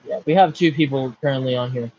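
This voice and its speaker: A man's voice: mid-range voice, fast talker, darkish tone, husky. A young man hosting a casual livestream, talking loosely with lots of fillers. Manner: loose, filler-heavy, keeps track of time. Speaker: livestream host. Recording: dull lo-fi stream audio.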